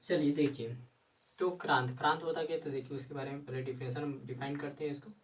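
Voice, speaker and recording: A man teaching a grammar lesson, repeating himself and answering his own questions, sometimes dictating slowly word by word. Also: mid-range voice, little pitch movement, far from the mic, slight background noise, low-quality recording.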